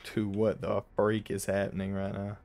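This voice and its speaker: A young man giving casual, jokey commentary while playing a horror driving game, slangy and quick to yelp when startled. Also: on the low side, monotone, gravelly, a little mellow. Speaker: gaming YouTuber.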